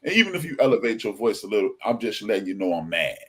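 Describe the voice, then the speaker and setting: A man co-hosting a casual podcast, talking animatedly and acting out quoted lines in loud bursts. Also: on the low side, very animated, fast talker, slightly rough. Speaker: podcast co-host.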